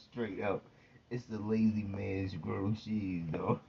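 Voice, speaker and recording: A man's voice: fairly low pitch, fairly even intonation, slow, gravelly. A man in casual banter, emphatic and swearing freely, repeating himself to make his point. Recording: dull lo-fi sound with faint noise.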